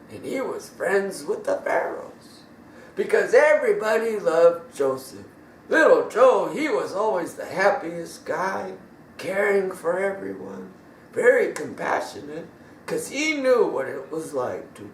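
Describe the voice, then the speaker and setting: A man tells a children's bible story in a casual, emphatic way. His voice is high and swoops widely as he talks slowly. He sounds far from the mic in an echoey room with faint noise behind. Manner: animated, emphatic, casual grammar.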